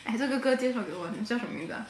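A woman's voice: fairly high pitch, very fast. A young woman in playful, teasing casual chat with a friend during a game in a living room. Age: young adult. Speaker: whisper challenge player. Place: living room with sofa, indoors. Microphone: camera a short way off. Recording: echoey room.

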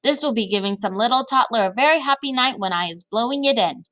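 A woman voices a big, kindly, excitable male giant in a storybook, full of exclamations, muddled grammar and invented words. She speaks quickly with a fairly high pitch, in an earnest mood.

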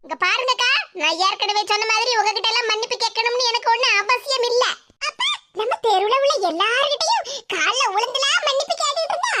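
A woman voicing a stubborn, quick-tongued young daughter-in-law in a cartoon, with a Tirunelveli Tamil accent and sharp retorts. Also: extremely high pitch, animated. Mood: irritated. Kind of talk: cartoon comedy voice acting. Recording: loud background hiss.

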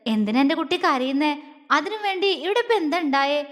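A doting middle-aged mother speaks tenderly and coaxingly, her voice high and gentle. A woman storyteller puts her on. A long hall reverb trails each line. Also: lively intonation, normal speed. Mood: loving.

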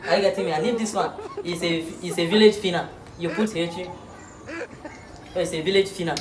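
A woman with a fairly low voice teases her listeners through a joking spelling lesson. She repeats words over and over and laughs often. The recording has a roomy echo. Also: fairly quick. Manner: playful, repetitive, laughing often. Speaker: comic host.

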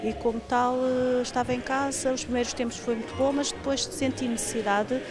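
A woman's voice: high voice, flat delivery, a little fast, crowd noise. A woman in her forties with a European Portuguese accent, a volunteer talking eagerly to a reporter. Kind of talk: interview. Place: large indoor hall with clothing stalls. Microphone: handheld reporter mic.

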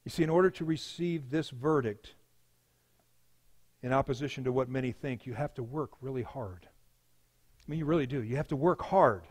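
A pastor preaching a sermon, emphatic, swinging between loud declarations and hushed lines. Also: male voice, mid-range voice, moderate pace, pauses often, breathy edge.

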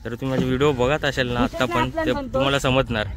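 A very animated man with a Mumbai accent vlogs at a quick pace, his medium-pitched voice a bit bright. Riding a small open boat on a creek, he keeps pointing things out to viewers in casual commentary. It's recorded on a handheld phone, and the outdoor boat audio is noisy.

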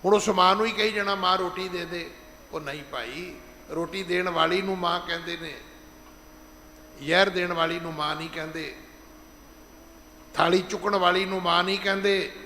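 Middle-aged man as head preacher, emphatic and high-voiced, recorded in a reverberant hall with faint background ambience. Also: fairly even intonation, bright, forceful tone, a little hiss or hum. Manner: emphatic, slows down to stress scripture, acts out quoted speech. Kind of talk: gurdwara sermon. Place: large gurdwara hall.

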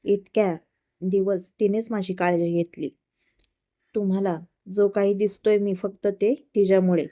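A woman reading the lines of a calm, reassuring young man recovering in a hospital, in a storybook tale. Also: medium pitch, a little slow, natural voice.

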